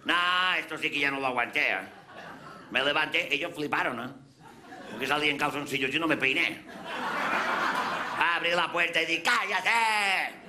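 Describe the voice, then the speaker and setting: Long pauses punctuate this Mallorcan-accented man's moderately paced, higher-pitched delivery, heard over crowd noise. He is a comedian in character giving a brash, crude, rambling live monologue on a café stage, and laughter from the audience runs throughout.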